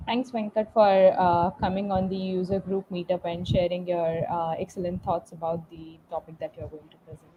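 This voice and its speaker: A woman's voice: lowish voice, little pitch movement, normal speed, hardly any pauses. A woman hosting a meetup on a video call, welcoming people and introducing speakers. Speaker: meetup host. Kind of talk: event hosting. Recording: dull lo-fi call audio with faint noise.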